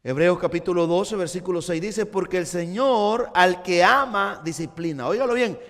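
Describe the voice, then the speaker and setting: High-voiced man preaching a fervent sermon. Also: moderate pace, fairly bright tone, long reverb tail. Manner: fervent preaching, repeats words for emphasis. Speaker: pastor.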